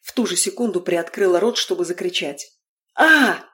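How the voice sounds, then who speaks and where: Woman, audiobook narrator, first-person fiction, wry, lively storytelling. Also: on the low side, brisk.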